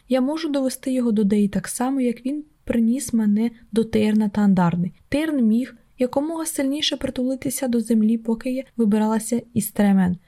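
A woman's voice: on the high side, warm tone. A woman narrating an audiobook in a tense, urgent way.

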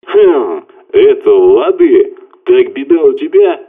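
A man voicing a brash, loud male buddy heard over a phone line, with blunt, rowdy, slang-filled talk. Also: mid-range voice, big pitch swings, slow pace, voice pushed up. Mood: rowdy, chatty. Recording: tinny phone-line sound.

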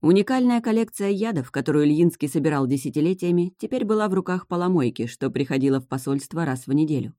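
An audiobook narrator reading a fantasy novel in an even, measured storytelling manner. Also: medium pitch, no echo. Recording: dry close studio sound.

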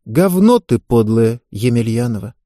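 A man voicing a proud young girl gymnast who answers with quiet, restrained defiance. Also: medium pitch, big pitch swings, measured pace, no echo, clean studio sound. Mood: defiant.

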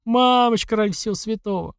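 A man's voice: big pitch swings, quick pace, a little mellow, no room sound, studio quality. A man voicing a terrified young mother who pleads and shrieks in panic. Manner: pleading, shrill.

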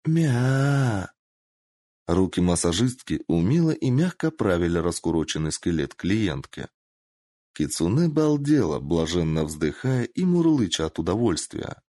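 A man narrating a story aloud with an animated, dramatic delivery. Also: deep voice, normal speed, no echo, clean studio sound. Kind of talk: expressive story reading.

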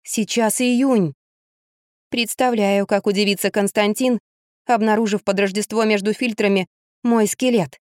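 A woman reading a first-person story aloud in an expressive, lively storytelling manner. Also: medium pitch, measured pace, no echo, studio quality. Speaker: narrator.

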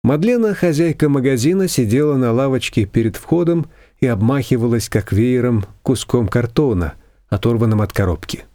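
A man reading a story aloud in an even, measured narration. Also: mid-range voice, no echo, studio quality. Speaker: audiobook narrator. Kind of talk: scripted narration.

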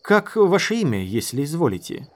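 A man's voice: fairly high pitch, big pitch swings, normal speed, pitched above the performer's own voice. A male narrator voicing an earnest young man who keeps questioning a sorceress. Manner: inquisitive, earnest.

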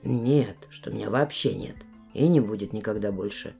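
A woman playing a weary male guardian of the border, fatherly and calm, from an audiobook. His voice is deep, dark and hushed. He explains things slowly and with care. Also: creaky, slightly rough, faint music behind, exaggerated voice. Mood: gentle. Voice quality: deep, low and quiet. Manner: slow, measured explaining.

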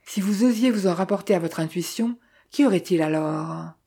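Woman playing a shaken young woman, halting and distraught, breathy, warm. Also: fairly low pitch.

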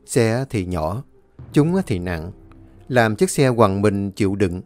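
A man's voice: on the low side, lively intonation, takes it slowly, darkish tone, faint music behind. Male ghost-story narrator.

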